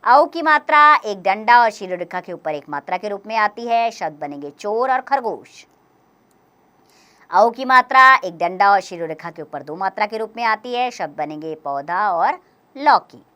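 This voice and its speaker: A woman teaching a grammar lesson for young children, explaining slowly and clearly, step by step. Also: mid-range voice, lively intonation, sharp tone.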